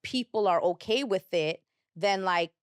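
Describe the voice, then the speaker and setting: A woman hosting a podcast, asking gentle questions in casual chat. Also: medium pitch, a little slow, clean tone, no room sound, studio quality. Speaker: podcast host.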